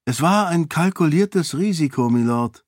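A man's voice: on the high side, expressive, a little slow, darkish tone, no room sound, clean studio sound, pitched above the performer's own voice. A man voicing a clever, self-assured young princess in an audiobook, speaking in a raised voice with pointed lines. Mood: composed. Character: young clever princess, bold and sharp-tongued. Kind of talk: audiobook character voice.

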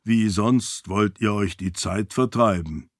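A calm, loyal adviser to a princess who speaks deep, slow and soft, as a male narrator puts him on. The voice drops well below the reader's own and every word is weighed. Close, dry audiobook sound. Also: no echo. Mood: measured. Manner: low, slow and soft-spoken.

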